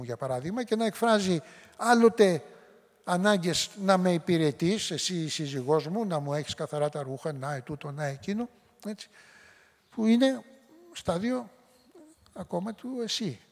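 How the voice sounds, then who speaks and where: A middle-aged man with a high voice gives a public lecture in a hall with a long reverb tail. He talks in a conversational way and slips into short quoted voices as examples. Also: darkish tone. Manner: conversational, acts out quoted lines.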